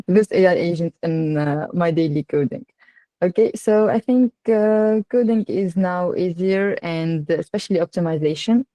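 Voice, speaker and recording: A woman with a North African, Tunisian accent presents an online workshop in a halting way with frequent filled pauses. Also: lowish voice, dark tone, dry recording, rough recording. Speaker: workshop speaker, AI engineer. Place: online video call.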